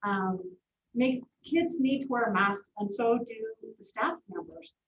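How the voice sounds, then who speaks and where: A woman school district administrator giving measured, reassuring remarks at a board meeting. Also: a little high, lively intonation, slight background noise. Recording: distant, roomy, dull meeting-room audio.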